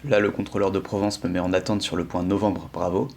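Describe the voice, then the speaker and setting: A man's voice: deep voice, level tone, quick pace, noisy background. A man narrating a flight as its pilot, in an explanatory voice-over. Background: music.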